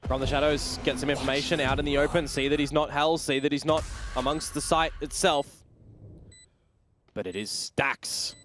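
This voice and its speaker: A man with a slightly high voice works as an esports caster, giving live analytical commentary. Clicks and clear game noise sit behind him. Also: steady tone, normal speed, fairly bright tone.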